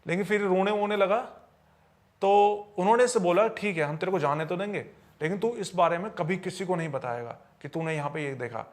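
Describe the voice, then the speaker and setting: Here a high-voiced man shares paranormal stories on a podcast at a brisk clip. His delivery is conversational, and he often circles back to repeat or reword phrases for emphasis.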